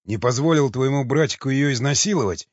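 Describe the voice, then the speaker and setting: A man's voice: mid-range voice, a little fast, dry recording, natural voice. Man doing a sneering cannibal thug. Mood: menacing mocking. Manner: sneering, menacing, sarcastic. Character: mocking, cold-blooded male cannibal mercenary. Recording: dull lo-fi sound.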